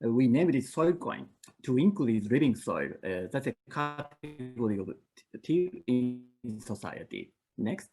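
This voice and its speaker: Husky man from Japan presenting. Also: mid-range voice, big pitch swings, mellow, faint music behind. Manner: halting, careful. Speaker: speaker. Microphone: video call.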